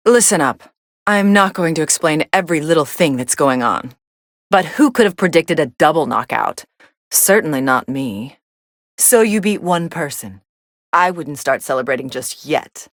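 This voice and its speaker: Video game fight commentator: aloof young female android, lowish voice, sardonic deadpan delivery, very dry studio sound. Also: normal speed, no room sound. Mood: scornful, irritated.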